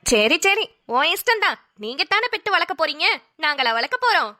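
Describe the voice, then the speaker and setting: A woman voicing a blunt, scolding elderly village mother in a cartoon, who talks in a loud, dramatic, nagging way. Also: very high-pitched, big pitch swings, brisk, exaggerated voice. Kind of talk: cartoon voice acting.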